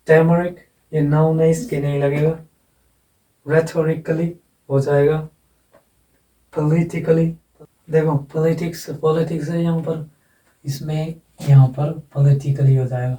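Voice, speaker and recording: A man gives an unhurried phonetics lesson, repeating each word and spelling it out letter by letter. His voice is very dark and mellow and stays level. He sounds set back from the mic in an echoey room. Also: a little high, flat delivery, far from the mic. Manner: slow, repeats words and spells them out letter by letter. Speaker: English phonetics teacher. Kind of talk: blackboard lesson explanation.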